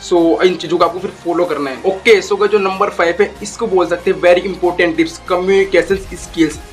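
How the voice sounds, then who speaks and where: A young man who coaches voice on YouTube casually explains voice training tips, repeating his points and mixing in English phrases in an instructive way. His voice is high with fairly even intonation at a normal speed, and faint music plays behind him.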